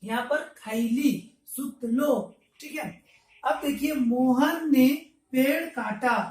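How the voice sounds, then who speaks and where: High-voiced teacher. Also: male voice. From Jharkhand, India. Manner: repeats example phrases slowly for pronunciation. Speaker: language teacher. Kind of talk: online lesson. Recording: echoey room, mic at a distance.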